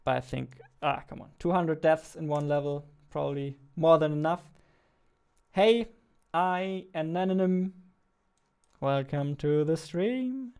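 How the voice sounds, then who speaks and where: This is a gravelly, fairly high-pitched male voice, slow and darkish but recorded cleanly. The speaker, a game developer in his twenties, casually chats on a livestream while working at his computer desk in an indoor room, muttering and repeating phrases. Typing and mouse clicks carry on in the background.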